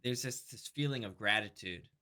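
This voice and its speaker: A man's voice: fairly low pitch, moderate pace, pushed and bright. A man co-hosting a podcast in casual chat, laughing often and trailing off into restarts. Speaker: podcast co-host. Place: living in Korea.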